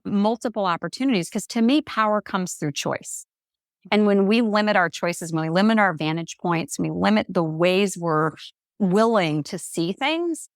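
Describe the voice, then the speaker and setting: A woman coach talking candidly in a casual podcast conversation, lively and quick to laugh, acting out quotes in different voices. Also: mid-range voice, no echo, clean studio sound. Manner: animated storyteller, acts out quotes in varied voices. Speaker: guest, coach and speaker.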